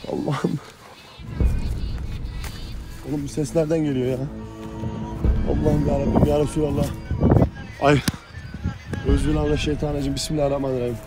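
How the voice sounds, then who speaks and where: A man's voice: a little high, flat delivery, a little fast, creaky, long pauses, over loud music. A young man on a night ghost-hunting vlog, frightened and pleading, muttering prayers under his breath. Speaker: treasure-hunting vlogger. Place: abandoned village outdoors at night.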